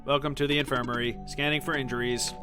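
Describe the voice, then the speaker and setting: A man's voice: mid-range voice, level tone, quick pace, over music, close to an everyday voice. A man voicing a polite, stilted male robot, reading game dialogue in a formal, stiff robot-like way.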